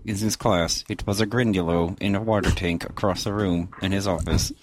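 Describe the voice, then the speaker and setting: A man putting on a calm computer voice. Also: deep voice, normal speed, slight background noise, natural voice. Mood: flat robotic. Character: calm male computer voice reading aloud. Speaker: podcast co-host. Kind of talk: casual podcast chat, reading a chapter recap.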